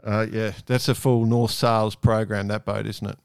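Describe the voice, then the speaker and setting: A man's voice: on the low side, little pitch movement, moderate pace, vocal fry, smooth, no room sound, studio quality. A man hosting a casual sports chat. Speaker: podcast host.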